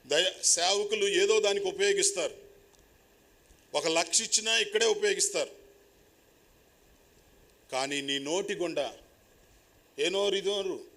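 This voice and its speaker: High, bright-voiced preaching man. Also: a little slow, gravelly, pauses often. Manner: preaching with sudden loud rises and quiet asides, calling for applause. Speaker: pastor. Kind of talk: sermon.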